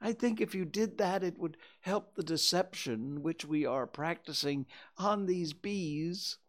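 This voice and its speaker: A storyteller voicing a gentle, slow-witted male toy bear who talks slowly and stammers. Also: medium pitch, pitched above the performer's own voice, natural voice. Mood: anxious. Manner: slow, ponderous, hesitant with stammers. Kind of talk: storybook reading.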